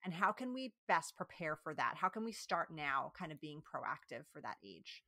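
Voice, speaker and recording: A woman in her thirties hosts the podcast, eager and affirming as she asks her questions. Her voice is bright and a little low for a woman. It is recorded close and dry. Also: big pitch swings, moderate pace, no echo. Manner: enthusiastic, affirming interviewer. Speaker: podcast host. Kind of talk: casual interview chat.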